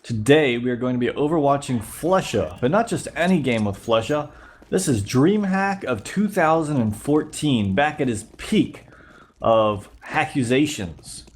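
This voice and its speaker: A sick YouTube host with a slightly nasal, medium-pitched voice reviews gameplay, giving relaxed, casual play-by-play narration at an unhurried pace.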